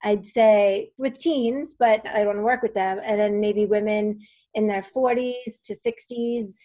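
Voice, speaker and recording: A woman's voice: mid-range voice, steady tone, unhurried, dark tone. A middle-aged woman asking for advice on a coaching call, hesitant and unsure. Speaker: coaching client. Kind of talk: casual chat.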